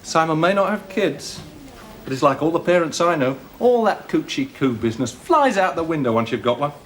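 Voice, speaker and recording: An actor playing a wry hospital anaesthetist, musing in dry, joking asides. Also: male voice, on the high side, very animated, brisk, a bit bright, slight background noise. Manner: dry, storytelling humour, musing.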